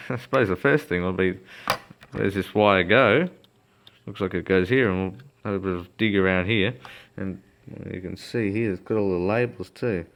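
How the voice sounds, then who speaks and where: A hobbyist presenter talks through an electronics repair casually and without a script, hesitating and rambling as he thinks out loud. His voice is lowish with a fairly bright tone. A phone films the workbench.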